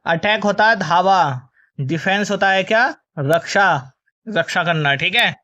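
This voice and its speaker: A man's voice: high voice, measured pace, pushed and bright, lo-fi sound. A male teacher running a vocabulary lesson for exam students. He spells each word out letter by letter, then gives its meaning and its opposite, and calls the students children.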